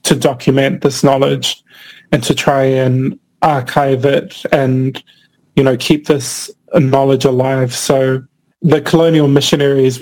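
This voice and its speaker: A young filmmaker from the Cook Islands, appearing as a guest, answers interview questions thoughtfully, with many fillers and restarts. His voice is mid-range and darkish, and the audio is poor.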